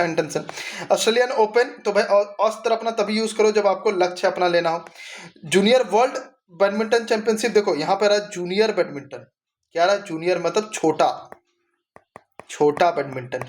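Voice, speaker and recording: A young man teaching exam tricks in casual chat, asking himself questions and answering them, calling the viewer brother. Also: high voice. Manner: quizzing himself with rhetorical questions. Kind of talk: mnemonic exam lesson.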